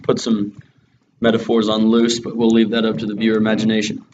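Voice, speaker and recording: A man's voice: fairly low pitch, monotone, brisk, a little mellow. A man co-hosting a casual review, making dry, crude jokes while talking with a lip full of chewing tobacco. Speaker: co-host reviewing dipping tobacco. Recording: dull lo-fi audio with faint background noise.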